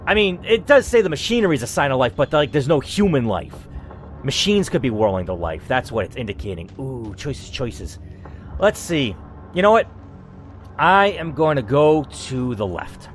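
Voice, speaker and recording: A young man running a gaming channel reads an interactive story game aloud, breaking off for casual asides full of swearing. His mid-range voice is sing-song and moves at a moderate pace, with slight background noise.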